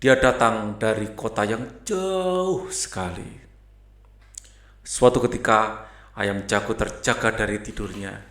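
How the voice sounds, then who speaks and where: A man's voice: lowish voice, slow, fairly bright tone, reverberant. A man teaching a primary school textbook lesson in a casual, chatty way, reading aloud and mixing in English words.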